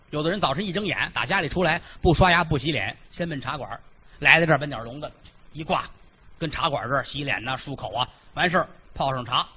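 Man, comic storyteller, bright voice, lively pitch, chatty. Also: a little hiss or hum. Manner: chatty, digressive, vivid.

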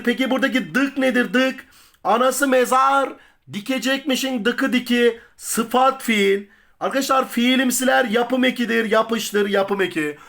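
A man's voice: very high-pitched, creaky, pushed and bright. A man teaching a grammar lesson for exam prep, quizzing students with repeated questions and answering them himself.

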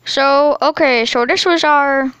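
A woman chatting playfully on camera at home, talking to her viewers in quick asides. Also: high-pitched, a bit bright, dry recording, low-quality recording. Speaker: vlogger. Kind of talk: casual chat on camera.

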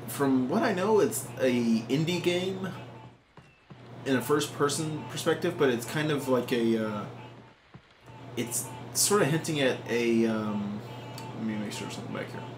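A man's voice: medium pitch, expressive, unhurried, long pauses, over music. Casual swearing let's play guy. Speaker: gamer. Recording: roomy, noisy recording.

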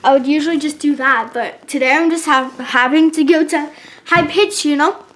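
Self-conscious, giggly young woman, high voice. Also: moderate pace, a bit bright, a little hiss or hum, rough recording. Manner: giggly, self-conscious, sings snippets mockingly. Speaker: vlogger reacting to her old singing cover. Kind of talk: casual reaction vlog.

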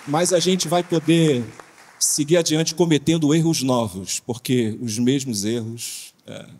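A Brazilian man, a pastor speaking on a conference panel, telling a story in a lively, informal way with slang. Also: medium pitch, unhurried. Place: conference hall. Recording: long hall reverb.

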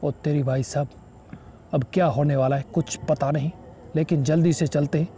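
Man, gaming commentary, let's play, excitable exclamations, slightly high voice, warm tone. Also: moderate pace. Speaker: gaming YouTuber.

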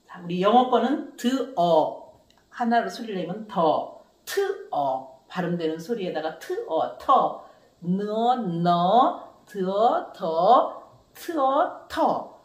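A woman teaching children to read in a slow, clear phonics lesson, drawing out each carefully sounded syllable with a sing-song lilt. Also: medium pitch, very animated, reverberant. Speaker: Korean language teacher.

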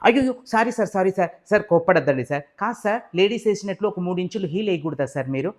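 A man's voice: high-pitched, animated, very fast. A young man in a comedy skit, fawning and teasingly polite as he directs a photo shoot. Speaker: comedy sketch actor playing a photographer.

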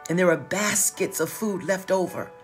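Speaking at a moderate pace in a lowish register, this middle-aged woman preaches casually over a livestream, soft music playing in the background. She stutters slightly and circles back to phrases for emphasis, all from a small office with wood paneling.

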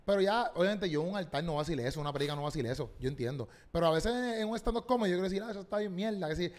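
A Puerto Rican comedian with a kinda high voice rattles off stories quickly on a casual podcast chat. His Puerto Rican Spanish accent colors animated, slangy storytelling as he acts out quotes.

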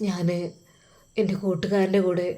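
A woman's voice: fairly low pitch, little pitch movement, normal speed, natural voice. A woman voicing a hesitant, pleading young husband. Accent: Malappuram Malayalam. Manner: soft, hesitant, stammering denials.

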